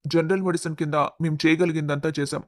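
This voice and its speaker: A man voicing a serious hospital doctor in a storybook, giving bad news in a measured, formal way. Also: a little high, steady tone, darkish tone, dry recording, clean studio sound, close to an everyday voice. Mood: grave. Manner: grave, formal. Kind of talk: storybook voice acting.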